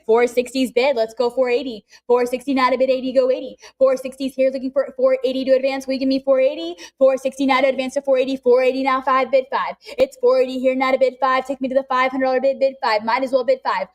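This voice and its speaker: A woman working as an auctioneer, briskly calling live bids in a repetitive chant, urging bidders on and adding chatty asides. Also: high voice, little pitch movement.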